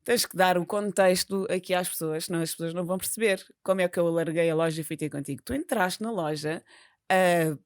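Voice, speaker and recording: A woman's voice: on the low side, fairly quick, no echo, clean studio sound. A woman born in Portugal with a European Portuguese accent, co-hosting a podcast with laughing, bantering replies. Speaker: podcast co-host. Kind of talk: casual chat.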